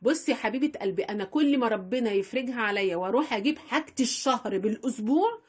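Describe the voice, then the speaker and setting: Fast, husky-voiced Egyptian woman. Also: a little high, lively intonation. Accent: Egyptian Arabic. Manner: chatty, repeats phrases, talks straight to viewers. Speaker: household budgeting vlogger. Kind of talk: casual instructional vlog.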